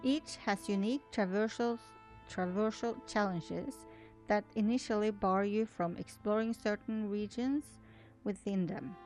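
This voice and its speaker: A gaming video host whose first language isn't English reads an article aloud with casual commentary, faint music behind her. Her medium-pitched voice is a little mellow and measured, and she frequently stumbles over words and restarts.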